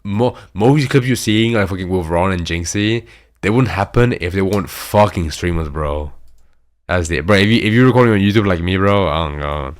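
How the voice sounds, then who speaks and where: A young man reacting to clips for his YouTube channel in casual, excitable commentary, swearing freely and calling everyone "bro". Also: sits low, moderate pace.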